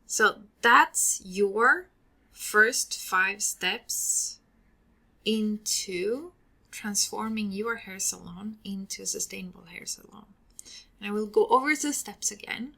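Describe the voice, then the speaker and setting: A Swedish-accented woman running a solo podcast delivers earnest advice in a slow, mid-range voice that sounds pushed and bright. Many of her lines drift off into breathy endings.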